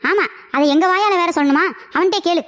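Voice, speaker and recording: Woman voicing a cartoon neighbor lady, indignant, scolding, high voice. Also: quick pace, fairly bright tone. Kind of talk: animated cartoon voice acting.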